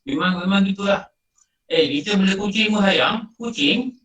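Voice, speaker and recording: This middle-aged religious teacher's voice sits high and has a fairly bright tone, moving at a moderate pace. Speaking with a Malaysian Malay accent, he gives a casual lecture, telling stories conversationally and repeating a lot. He is recorded at a distance in a roomy space.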